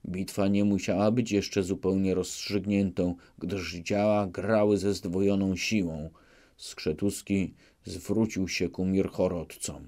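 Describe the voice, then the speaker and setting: A man narrating an audiobook with measured, dramatic storytelling. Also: low-pitched, fairly even intonation, dark tone.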